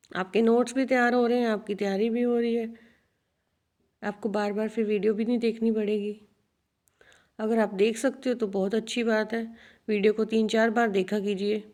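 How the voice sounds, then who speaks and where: Woman teaching slowly. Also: fairly high pitch, a little mellow. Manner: repeats words slowly, addresses students as children. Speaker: English teacher. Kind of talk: teaching a video lesson.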